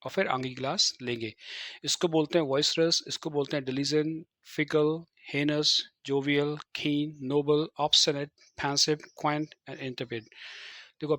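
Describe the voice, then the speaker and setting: Male English teacher, Hindi accent, slightly high voice, dry close sound, call-and-response drilling. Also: fairly bright tone, no room sound. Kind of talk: classroom lesson.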